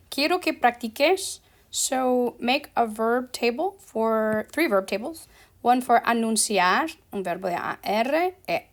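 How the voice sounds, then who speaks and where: A woman teacher talks through verb endings at a very slow, careful pace. Her voice sits a little high for a woman. She slips English fillers like "so" and "ok" into her explanations. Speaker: Spanish teacher.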